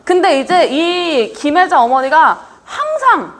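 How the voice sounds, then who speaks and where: Lively high-voiced woman lecturer. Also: slow pace. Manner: lively, quizzes the audience often; casual, talks down-to-earth with students. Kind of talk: leadership training lecture.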